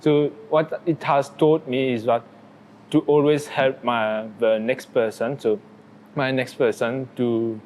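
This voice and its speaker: A twenty-year-old man from Mauritius speaks as a student guest in a friendly, slightly halting way. His voice is mid-pitched. Faint room noise sits behind him. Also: fairly even intonation, darkish tone, rough recording. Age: 20s. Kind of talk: casual podcast chat.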